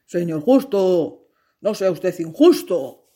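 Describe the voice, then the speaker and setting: A woman voicing a gentle male scarecrow, earnest and pleading, with a husky voice, told as a storybook tale. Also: mid-range voice, animated, measured pace.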